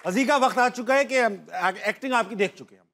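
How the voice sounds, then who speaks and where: A man hosting a comedy show from a studio stage, with a voice that sits high for a man. He is talkative and laughs often as he walks a guest through a game. A studio audience murmurs faintly behind him. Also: fast, a bit bright, some chatter behind. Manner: chatty, laughs often, explains games at length.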